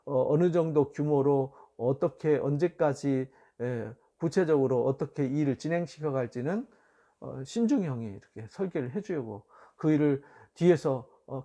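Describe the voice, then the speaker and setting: Mellow-voiced pastor giving a lecture. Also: male voice, fairly high pitch. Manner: explanatory, with frequent fillers and light laughs. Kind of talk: church education lecture.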